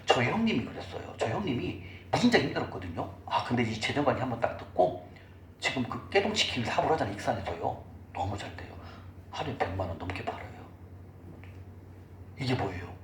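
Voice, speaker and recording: A man's voice: medium pitch, very animated, fairly quick. A middle-aged man giving a church finance lecture. He talks sermon-style and keeps asking the audience questions. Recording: echoey room recording with faint noise.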